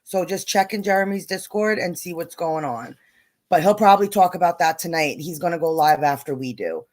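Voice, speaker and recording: A woman with a New York accent hosting a casual live-stream chat, greeting viewers by name with excitable energy. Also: lowish voice, fairly quick. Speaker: host.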